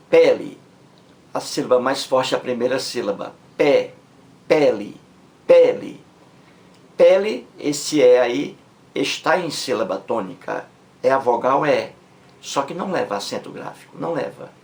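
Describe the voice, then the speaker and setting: Brazilian man, patient grammar teacher, slow and drawn-out, hammers each example word home. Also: medium pitch. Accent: Brazilian Portuguese. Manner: drawn-out, emphatic repetition of example words. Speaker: Portuguese language teacher. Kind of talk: slow, repetitive grammar lesson.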